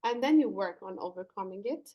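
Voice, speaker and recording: In this podcast interview, a leadership coach from Lebanon earnestly explains her work in an expressive, mid-range voice at a brisk pace. The highs in the audio are cut off. Her answers are explanatory, with some fillers and restarts.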